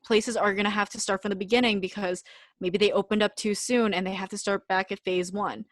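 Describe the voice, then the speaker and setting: A young woman co-hosts a casual podcast, making her points emphatically. Her mid-pitched voice is recorded close, with a dry sound. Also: steady tone, a little fast, no room sound. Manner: emphatic, repeats for stress. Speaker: podcast co-host.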